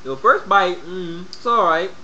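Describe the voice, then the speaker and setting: A young man reviewing fast food in a casual vlog, talking bluntly and with profanity while his mouth is full. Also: high-pitched, pushed and bright, dull audio, a little hiss or hum.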